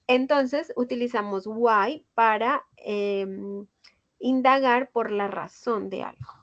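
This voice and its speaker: A woman with a slightly high voice teaches English over a video call, walking through each point step by step. Her voice is close and dry, with dull, lo-fi call audio. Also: slow, no echo. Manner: explains step by step with Spanish and English examples. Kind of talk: online class explanation.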